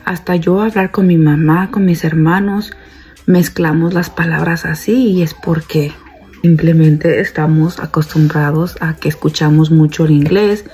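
In a low-pitched, warm, slightly rough voice with fairly even intonation, a woman in her thirties talks unhurriedly over soft background music. A stay-at-home mom and vlogger, she chats with her "girls" from her home kitchen and bedroom, recording on a phone at arm's length.

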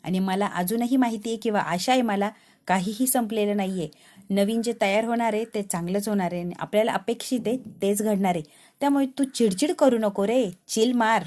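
Lady doing a chill hopeful young woman, calm and encouraging. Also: mid-range voice, fairly quick, close to an everyday voice. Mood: reassuring. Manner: soothing, encouraging.

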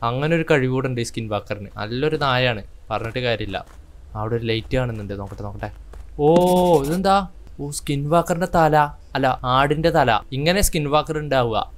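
A man with a Kerala Malayalam accent commentating a horror game for his channel, chatty, shouting in sudden bursts when attacked. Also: medium pitch, fairly quick, a little hiss or hum. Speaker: gaming YouTuber. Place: indoors with rain heard outside.

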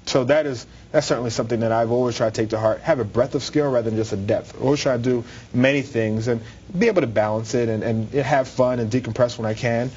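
A young man, a guest in a TV studio, explains his points clearly and at length. His voice sits in a middle pitch. The lapel mic sounds slightly dull, with faint hiss underneath. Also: steady tone, quick pace, darkish tone. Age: young adult. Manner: articulate, explanatory. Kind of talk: studio interview. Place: TV studio with red curtains.

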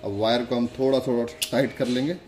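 A product demonstrator narrates a casual, instructional walkthrough, pointing things out step by step. His mid-range voice holds a steady, darkish tone and moves fairly quickly, with faint music behind it.

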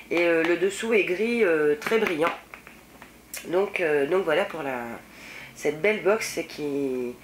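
A beauty vlogger in her thirties unboxes products at home beside shelves of nail polish, chatting and rambling with lots of fillers and self-mockery. A head cold leaves her deep voice slightly husky and nasal, and the desk-distance fixed camera picks up a little hiss or hum.

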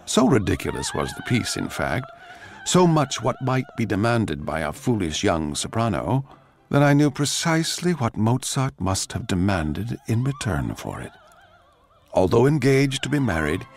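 A man with a fairly low voice and vocal fry plays a bitter, envious male court composer for a radio drama. His narration is measured, theatrical and sardonic, and heavily acted.

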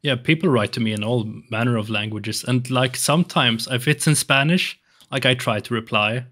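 Speaking at a normal speed with a sharp tone and a mid-range voice, a young man from Sweden chats casually in English as a podcast guest. Swedish is his native tongue, and he hesitates, restarting many times. He records in a home room lined with shelves and lit by colored lights, on a large studio mic on an arm, with headphones on.

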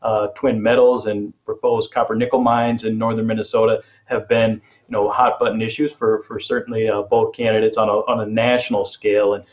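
A man's voice: lowish voice, flat delivery, a little fast, few pauses, a little mellow. A man in his thirties, a radio news editor, explaining conversationally from a small studio over a video call. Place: home office studio. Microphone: studio mic on boom. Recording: slightly dull call audio.

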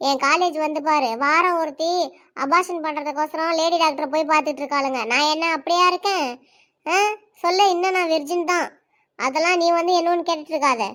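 A woman's voice: high-pitched, steady tone, brisk, a bit bright. A woman doing a brash, spoiled college girl. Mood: dismissive. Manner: brash, dismissive retorts. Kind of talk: cartoon voice acting.

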